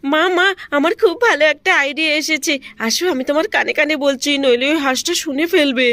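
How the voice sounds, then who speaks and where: A woman voicing an eager little girl in a cartoon who talks in an excited, pleading way. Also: high voice, fast talker, no echo.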